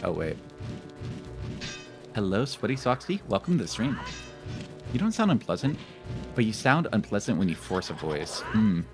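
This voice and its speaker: Male game streamer, casual and musing, lowish voice with animated swings, faint music underneath. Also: moderate pace, pauses often. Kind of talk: casual chat while gaming. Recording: music behind the voice.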